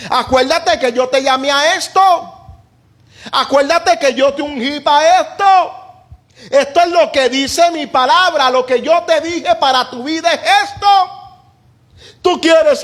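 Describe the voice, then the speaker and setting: A pastor preaches in a strikingly high voice. He delivers his sermon with fervor, rising to shouts and acting out quoted voices. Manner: impassioned preaching, voicing God and people in quotes.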